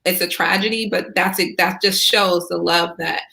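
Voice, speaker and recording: A woman's voice: on the low side, steady tone, moderate pace, vocal fry, bright, forceful tone. A woman guest in a casual interview, talking eagerly and at length, often checking in with "right?". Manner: enthusiastic, talkative, asks rhetorical "right?". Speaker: guest, Senate candidate.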